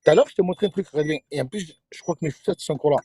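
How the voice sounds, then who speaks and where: A man's voice: fairly high pitch, racing, mellow, husky, no room sound, clean studio sound. A man hosting a phone livestream, joking in crude, slangy, boastful banter. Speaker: livestream host.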